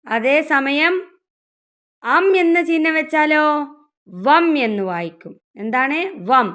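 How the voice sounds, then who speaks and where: A woman's voice: high-pitched, expressive, slow pace, a bit bright. A woman teaching young children to read, asking questions patiently and answering them herself. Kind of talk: children's reading lesson.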